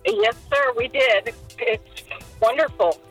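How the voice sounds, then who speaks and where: A woman's voice: fairly high pitch, takes it slowly, soft background music. A woman in her sixties speaking politely over a speakerphone call, a little hesitant at times. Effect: heard over a speakerphone line. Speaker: contest winner on a call-in. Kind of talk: casual phone chat.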